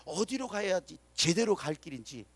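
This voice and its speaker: A man's voice: high voice, very animated, normal speed. A male pastor preaching a sermon with dramatic storytelling, acting out the people in his stories and calling for amens. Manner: dramatic storytelling, acts out quotes; emphatic, calls for amens.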